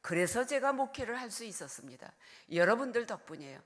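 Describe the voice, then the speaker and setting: A woman's voice: on the high side, very animated, quick pace. A retired older woman pastor preaching a sermon, earnestly urging her congregation to share the burden with her. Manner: earnest pleading, direct address to congregation.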